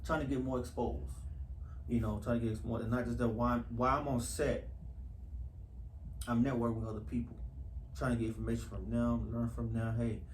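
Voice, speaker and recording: A Houston actor answers interview questions in a casual, earnest way, circling back to phrases for emphasis. His mid-range voice barely shifts in pitch and sounds a little mellow, and he talks briskly but leaves long pauses. The recording has echo and faint background noise.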